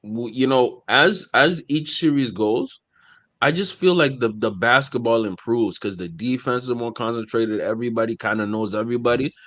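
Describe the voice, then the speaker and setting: A man's voice: mid-range voice, moderate pace, a bit bright, no echo. A man co-hosting a casual sports talk stream, laughing often and asking "you know what I mean". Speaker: podcast co-host.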